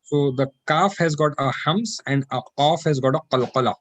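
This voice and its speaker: A man teaching an online Arabic class, patiently repeating phrases slowly for his students. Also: fairly high pitch, no room sound.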